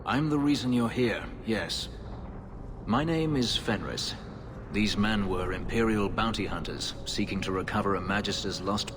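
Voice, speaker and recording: A man with a fairly low pitch, sounding close to his everyday voice, plays an escaped-slave elf warrior with a brooding nature. His speech is grave, formal and terse, set against a noisy background and the game's score.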